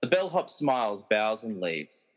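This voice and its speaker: This time the comic radio play's narrator sounds fairly low-pitched and sing-song, a little slow. He handles both the scripted funny narration and the casual, tongue-in-cheek quiz hosting.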